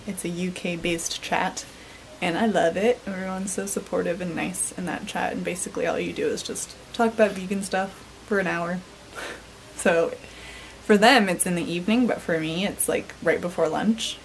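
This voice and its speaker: A woman's voice: lowish voice, fairly even intonation, normal speed, gravelly, slight background noise, low-quality recording. A young woman in her twenties chatting casually to a handheld camera in her bedroom, with plenty of "like" and "um". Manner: chatty, filler-heavy. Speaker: vlogger. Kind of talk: casual vlog chat. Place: bedroom at home. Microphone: handheld camera at arm's length.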